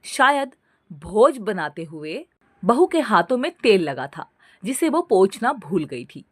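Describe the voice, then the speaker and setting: Slow, lively woman storyteller. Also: medium pitch, no room sound, clean studio sound. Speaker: narrator. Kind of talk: scripted story narration.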